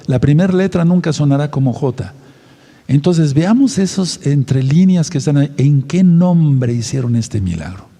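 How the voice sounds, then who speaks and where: A man's voice: a little high, expressive, moderate pace, warm tone, in a large hall. A man, a pastor and counselor giving a teaching sermon, repeating his points and asking the audience questions.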